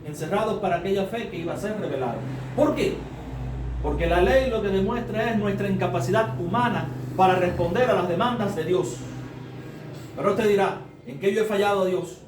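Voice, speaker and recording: Male preacher, high voice, teaching sermon with rhetorical questions; distant mic, echoey room, faint noise. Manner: explains step by step, asks rhetorical questions. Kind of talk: sermon, Bible study teaching.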